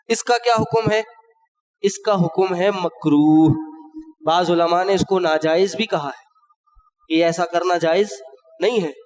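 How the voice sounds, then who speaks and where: A male preacher giving a Friday sermon, explaining rulings step by step and asking and answering his own questions. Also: high-pitched. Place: mosque. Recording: long hall reverb.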